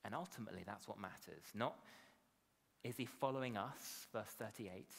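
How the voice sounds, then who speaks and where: A man's voice: fairly low pitch, moderate pace, vocal fry. A British man in his thirties, a pastor giving a conversational sermon at a lectern, often turning statements into questions. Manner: conversational, frequent tag questions. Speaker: pastor, preacher. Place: indoor hall, at a lectern. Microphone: lectern gooseneck microphones. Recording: echoey hall reverb.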